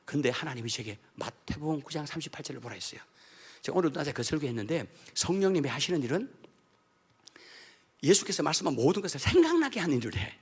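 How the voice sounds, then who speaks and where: A middle-aged man preaches to his church congregation, telling a personal testimony. His voice is husky and sits high, and his pitch leaps up and down. He drops into hushed asides and then bursts out in shouts. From South Korea. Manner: emphatic, swinging from hushed asides to shouted outbursts. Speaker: Baptist pastor. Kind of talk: evangelical sermon with personal testimony. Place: church sanctuary during an evening service.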